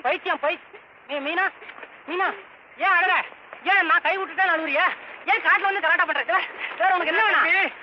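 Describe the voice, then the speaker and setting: An actor playing an excitable, boastful young would-be film director, talking in a shrill, theatrical way. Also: male voice, normal speed, pauses often, slight background noise. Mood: excited, bossy. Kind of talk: vintage film comedy acting. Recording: muffled old film soundtrack.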